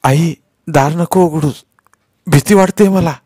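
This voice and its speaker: Male narrator plays a terrified small boy in a storybook, pitched high, stammering through tears. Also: fairly even intonation, normal speed, a little mellow, no echo, studio quality, lightly acted. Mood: pleading. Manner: sobbing, stammering, pleading. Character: frightened young village boy, crying.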